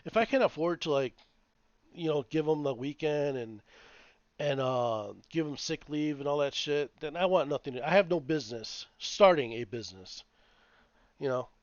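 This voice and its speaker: Ranting man in his late thirties, slightly high voice. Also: moderate pace. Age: 30s. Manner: profane, rambling, animated ranting. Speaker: podcast co-host. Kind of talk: casual chat. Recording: dull lo-fi dry sound.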